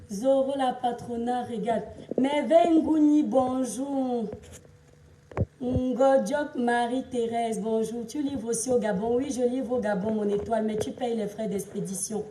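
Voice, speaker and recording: Hoarse high-voiced Cameroonian woman livestreaming. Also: roomy sound, far from the mic, noisy background. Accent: Cameroonian French. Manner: chatty, greets viewers, scolding and pleading. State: hoarse from shouting. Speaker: livestream influencer and seller. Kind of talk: casual Facebook live chat.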